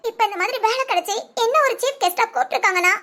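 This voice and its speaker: In this spoken storybook tale, an earnest young woman pleads warmly with her adopted brother, as the narrator puts her on. Her voice sits high and bright, and she talks quickly. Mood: pleading. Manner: pleading, affectionate, often addressing "anna". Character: young woman, grateful sister figure, earnest.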